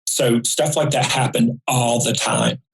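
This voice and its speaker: A man, a guest telling a story in an animated, folksy way. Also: medium pitch, measured pace, poor audio. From rural North Carolina. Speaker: psychic guest. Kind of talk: storytelling interview.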